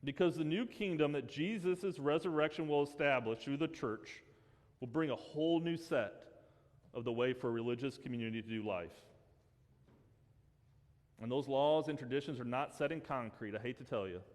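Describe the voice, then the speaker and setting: A man's voice: mid-range voice, normal speed, big-room sound. A man preaching a sermon to his congregation, talking casually and then building to fervent emphasis. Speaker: pastor.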